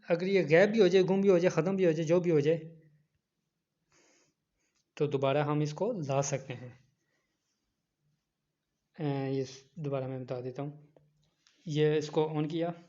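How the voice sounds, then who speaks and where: A man's voice: fairly high pitch, warm tone, muffled recording. A man teaching a phone editing app step by step, repeating key instructions. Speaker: online teacher. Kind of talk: screen-recorded app tutorial.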